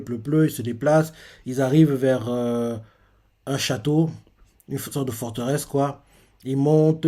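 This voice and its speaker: A man's voice: mid-range voice, dark tone. A man hosting a live manga reaction, casually retelling the panels with lots of fillers and restarts.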